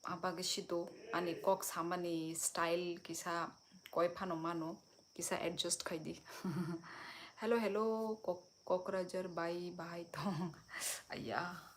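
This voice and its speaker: A young woman from Tripura talks slowly in a fairly low voice on a phone live stream. She chats warmly with viewers and answers their comments one by one. Faint crickets sound in the background. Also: fairly even intonation, a little hiss or hum. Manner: chatty, reads and answers viewer comments, switches languages.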